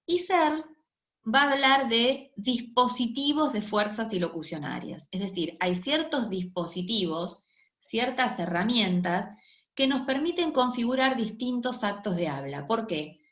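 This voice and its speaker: A woman's voice: fairly high pitch, animated, measured pace, fairly bright tone. A woman lecturer explains linguistics in a recorded online class, often checking in with her listeners. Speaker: university lecturer. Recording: echoey room, dull lo-fi sound.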